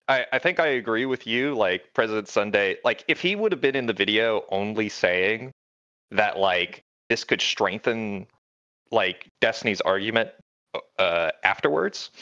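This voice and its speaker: A man's voice: fairly low pitch, expressive, moderate pace, pushed and bright. Man on a clipped, breaking call line. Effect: clipped online call line that breaks up. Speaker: caller on a livestream. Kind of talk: casual debate chat. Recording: dull lo-fi call audio.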